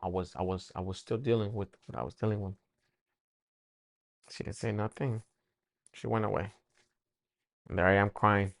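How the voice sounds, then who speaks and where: A man telling his personal faith testimony, emotional and halting, often repeating words as he speaks. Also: fairly low pitch, fairly even intonation, creaky, no echo, studio quality.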